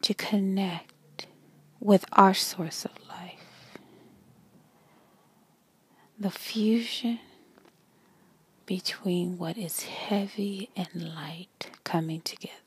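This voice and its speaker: A woman guiding a meditation in a slow, soft whisper with long pauses. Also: medium pitch, steady tone, breathy edge. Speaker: meditation guide. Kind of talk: guided meditation.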